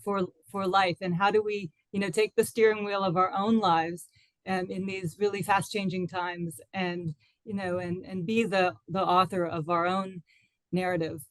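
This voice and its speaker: A woman's voice: fairly low pitch, little pitch movement, moderate pace, no room sound, rough recording. Thoughtful woman, dry close sound. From United States. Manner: thoughtful, many restarts and fillers. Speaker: guest. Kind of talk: casual interview talk.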